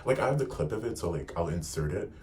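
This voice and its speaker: A young man telling a personal story in a vlog, animated and profane, packing his sentences with "like.". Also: deep voice, quick pace, background noise. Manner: animated and profane, heavy use of "like". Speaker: vlogger.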